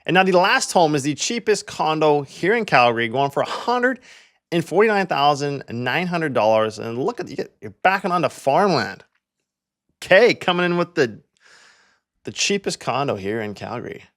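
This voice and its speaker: Sing-song and fairly bright, this young man's fairly high voice moves at normal speed while he guides a laid-back real estate tour. He's a Canadian agent hosting the video, chatting freely and saying "like" constantly.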